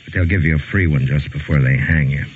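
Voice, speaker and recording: Matt Dillon, very deep stern marshal. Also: male voice, fast talker. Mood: calm, stern. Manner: laconic, dry, commanding. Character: stern, unflappable male frontier marshal. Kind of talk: 1950s radio western acting. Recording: phone-like, hissy 1950s radio recording.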